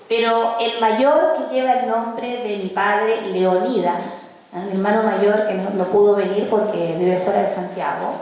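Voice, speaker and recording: Woman, book presenter, slow measured delivery, fairly high voice, very echoey hall, mic far off. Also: darkish tone, a little hiss or hum. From Chile. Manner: slow, measured, with hesitant fillers. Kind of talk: book launch presentation with poetry recital. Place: event hall.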